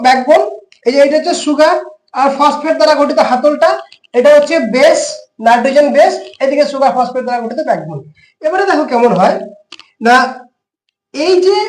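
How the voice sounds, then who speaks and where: A woman's voice: high-pitched, reverberant, poor audio. A woman teacher with a West Bengal Bengali accent who explains step by step, asking questions and answering them herself. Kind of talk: classroom science lesson.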